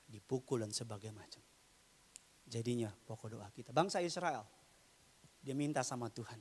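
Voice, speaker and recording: A male pastor preaching a livestreamed church sermon, moving between low confiding talk and loud exclamations, with humorous storytelling. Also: a little hiss or hum. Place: church stage. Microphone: live-streamed church service.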